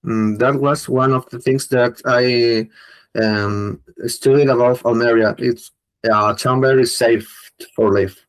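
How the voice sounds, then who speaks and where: A man interviewing a guest in English, halting and searching for his words. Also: medium pitch, fairly even intonation, poor audio. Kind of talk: interview questions.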